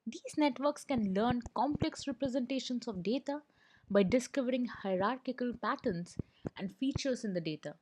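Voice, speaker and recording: A woman presenting an explainer lesson as scripted narration, in a steady, read-aloud delivery. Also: on the high side, normal speed, slight background noise.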